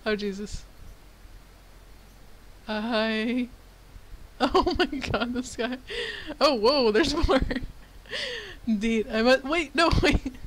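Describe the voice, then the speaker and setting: A woman's voice: on the high side, slow pace, long pauses, rough recording. Giggly, swearing woman playing a game. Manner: laughs often, swears, excitable reactions. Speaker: let's player. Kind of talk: casual game playthrough, reading and reacting.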